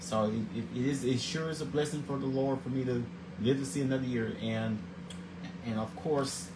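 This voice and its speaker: A man in his forties hosts a casual vlog, speaking at an ordinary pitch. He trips over his words, repeating and restarting phrases as he reads out his segments. Clear background noise sits under his voice. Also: steady tone, normal speed. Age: 40s. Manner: repeats and restarts words often, stumbles while reading; earnest, religious greetings. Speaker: host of a daily video show. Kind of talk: casual scripted vlog, reading segments aloud.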